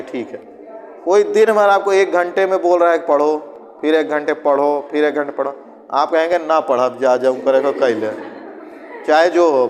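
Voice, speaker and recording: A male teacher giving a conversational classroom lecture, asking and answering his own questions and acting out students and parents in quick asides. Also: on the high side, big-room sound.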